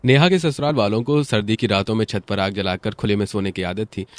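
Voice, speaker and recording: Low-voiced man narrating a cartoon. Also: fairly quick.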